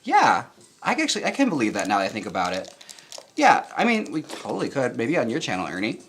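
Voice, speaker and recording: A young man chatting casually with viewers while getting ready, campy and quick to laugh. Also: medium pitch, huge pitch swings, a little hiss or hum. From United States. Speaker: drag performer and channel host. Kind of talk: casual chat while reading viewer comments.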